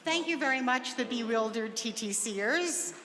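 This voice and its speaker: A woman's voice: fairly high pitch, lively intonation, moderate pace, background noise. A woman, moderating a spelling bee with playful asides to the teams and the audience. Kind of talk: live event moderation. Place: large event hall with an audience. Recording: reverberant hall, faint crowd.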